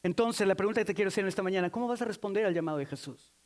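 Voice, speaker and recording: A man's voice: high-pitched, rapid-fire. A man from Mexico City with a Mexican accent, preaching a sermon emphatically, calling for responses and teasing the congregation. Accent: Mexican Spanish. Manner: playful teasing asides. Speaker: pastor.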